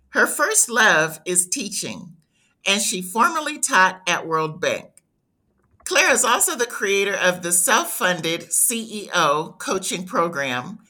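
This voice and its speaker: A woman's voice: medium pitch, bright, forceful tone. A woman hosting an interview podcast, reading a scripted guest introduction and then asking questions. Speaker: podcast host.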